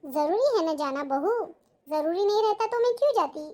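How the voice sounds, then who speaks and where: Older mother-in-law, gentle and caring, very high register , played by an actress; family short film. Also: lively intonation, normal speed. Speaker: actor. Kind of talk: family drama acting.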